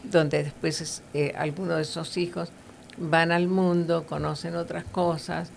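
A woman's voice: deep voice, level tone, a little slow, creaky, a little hiss or hum. A woman giving earnest, conversational Bible teaching, with fillers and tag questions.

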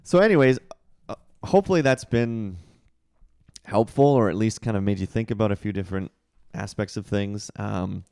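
Pastor guy hosting, smooth clear voice, upbeat sign-off vibe, dry sound. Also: lowish voice, normal speed, a little mellow, dry recording. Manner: affirming, upbeat and wrapping up. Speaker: podcast host and pastor. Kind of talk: casual faith discussion.

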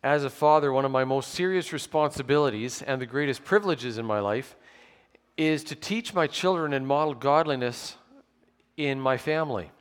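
A man in his forties preaching a measured, explanatory sermon at a pulpit microphone in a church, with touches of dry humour. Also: mid-range voice, clean tone. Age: 40s. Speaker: pastor. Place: church sanctuary with pews. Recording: long church hall reverb.

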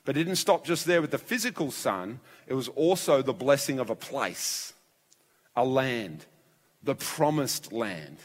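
A man's voice: mid-range voice, animated, measured pace. A man preaching a sermon as pastor in a church, his voice strained and fragile, telling the story vividly and acting out voices. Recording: long church hall reverb.

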